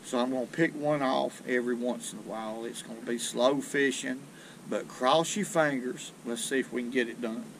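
Recorded roughly on an action camera aboard a small river boat, with slight background noise, an older man with a drawl hosts his fishing channel. His mid-range, fairly bright voice moves at normal speed as he rambles folksily through a casual explanation of tackle.

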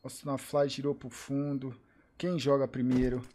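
A man with a Brazilian Portuguese accent reacting live to an esports match, excitable and profane, repeating short cries. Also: medium pitch, moderate pace, background noise. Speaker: streamer commentating an esports match. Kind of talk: live game reaction commentary.

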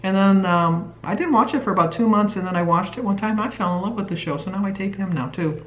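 A woman's voice: medium pitch, fast talker. A woman in her sixties chatting casually on a home vlog, rambling with lots of fillers. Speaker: vlog co-host. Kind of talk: casual chat. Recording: roomy, dull lo-fi sound.

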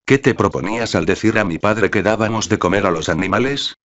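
A man's voice: fairly low pitch, fairly quick, a bit bright, close to an everyday voice. A man reading a sullen, defensive boy. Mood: indignant. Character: indignant defiant young boy. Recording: dull lo-fi audiobook recording.

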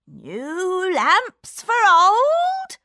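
A woman voicing a scheming older male magician in a read-aloud storybook, stretching his words slowly and slyly. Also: very high-pitched, wildly swooping pitch, pushed and bright, dry recording, studio quality, voice pushed up, heavily acted. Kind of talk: storybook reading.

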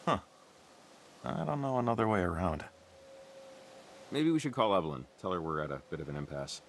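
An actor playing an easygoing young man on a night hike, chatting in relaxed, rambling small talk. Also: sits low, brisk, creaky, slight background noise.

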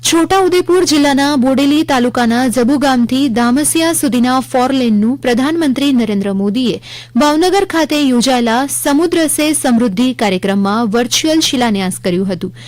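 A woman with a Gujarati accent reads a scripted radio news bulletin in a measured, formal manner. Her voice sits high, and the studio recording is dry and close, with no room sound. She keeps an even, official tone. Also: dry recording. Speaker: news reader.

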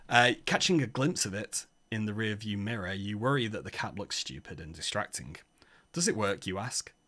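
Chatty Mancunian man, fairly low voice. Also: a bit bright. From Manchester, England. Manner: chatty, self-mocking asides between read passages. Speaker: host, palaeontologist. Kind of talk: reading a text adventure aloud with casual chat. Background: background music.

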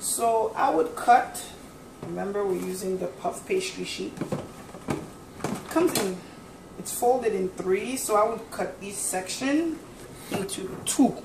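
A cooking channel host speaks slowly and expressively in a creaky, medium-pitched voice, with long pauses, as she explains each step of a casual demo in her home kitchen. A distant camera mic records her amid echo and background noise.

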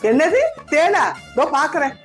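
A bumbling cartoon doctor, voiced by a woman, who makes everything sound dire. His voice is fairly high, and loud background music runs underneath. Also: moderate pace, lightly acted. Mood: alarmist. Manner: exaggerated, alarmist.

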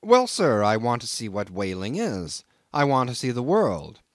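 A man's voice: medium pitch, huge pitch swings, moderate pace, no room sound, studio quality. A man voicing a polite, eager young sailor asking for a berth. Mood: earnest. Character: earnest young male sailor seeking a berth.

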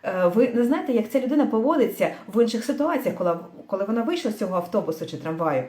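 A woman teaching a language lesson on a livestream, speaking thoughtfully with frequent pauses and fillers, and mixing in English words. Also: a little high, very animated, mellow, echoey room.

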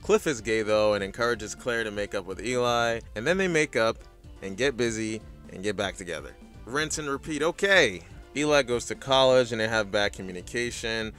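A man's voice: on the low side, normal speed, a bit bright, faint music behind. A man hosting a recap video with casual scripted commentary, blunt, opinionated and sweary.

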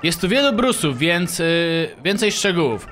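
A man's voice: fairly high pitch, lively intonation, unhurried, fairly bright tone, slight background noise. A man voicing a cat clerk in a video game who asks dry, bureaucratic questions. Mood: officious. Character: male cat clerk checking a list.

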